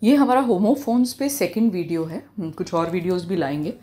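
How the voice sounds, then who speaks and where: A woman with an Indian accent teaching English in Hindi, explaining slowly and spelling words out letter by letter. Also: fairly low pitch, warm tone. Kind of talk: online language lesson.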